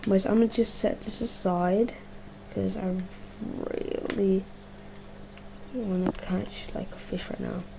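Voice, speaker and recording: A woman's voice: mid-range voice, fairly even intonation, slow, gravelly, long pauses, noisy background. A young woman livestreaming a game, rambling in a casual, slangy way with a strained, worn-out voice. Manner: rambling, slangy, swears, talks to herself. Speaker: gaming livestreamer. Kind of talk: casual live-stream chat while playing.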